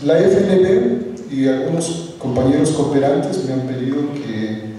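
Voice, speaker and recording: A man's voice: fairly high pitch, measured pace, mellow. A man giving a formal greeting speech as a delegate. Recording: echoey hall, distant, muffled, faint noise.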